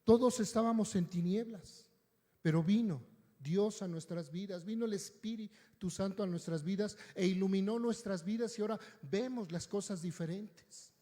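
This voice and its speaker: A man's voice: high voice, normal speed, mellow. A male pastor, preaching in a conversational, story-telling way and often checking in with his listeners. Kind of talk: storytelling sermon. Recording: long hall reverb.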